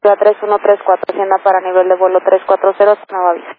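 A man working as an approach controller, giving quick, curt commands over a crackly two-way radio. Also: sits high, monotone. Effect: crackly two-way radio transmission. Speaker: air traffic approach controller. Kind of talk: clipped radio phraseology. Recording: narrowband radio channel with faint hiss.

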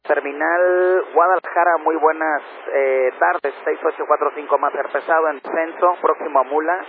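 A man's voice: on the high side, steady tone, normal speed, breathy edge. A man working as an airline pilot, making polite, formal radio calls to air traffic control over a cockpit radio link. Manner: courteous, formal radio phrasing. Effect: cockpit radio transmission. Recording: tinny radio with faint hiss.

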